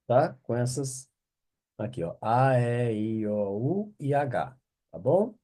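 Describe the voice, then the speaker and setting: A man teaching French online. He explains patiently, checks in often with quick questions, and repeats the French words slowly. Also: mid-range voice, lively intonation, mellow. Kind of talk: online language lesson.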